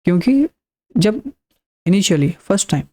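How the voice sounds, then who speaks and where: A man's voice: high-pitched, very animated, a little slow, dark tone. A man teaching a programming lesson, walking through the code step by step and counting aloud as he explains. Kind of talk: screen-recorded coding lesson.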